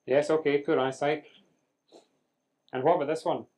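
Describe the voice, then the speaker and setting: A man's voice: a little high, little pitch movement, moderate pace, a little mellow. A man giving a live medical lecture, quizzing students with dry humour. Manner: conversational, questioning the class, dry humour. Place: lecture room with audience.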